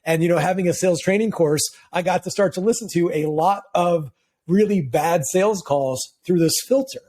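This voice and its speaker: A man's voice: high voice, normal speed, a little mellow. A man speaking as a sales coach in an interview, telling stories animatedly and acting out the lines he quotes. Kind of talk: conversational interview answer.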